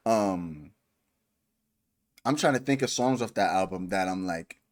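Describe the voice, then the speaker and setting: A man's voice: deep voice, expressive, a little slow. A man co-hosting a podcast in casual chat, rambling with many fillers and restarts. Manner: rambling, filler-heavy, laughs easily. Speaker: podcast co-host.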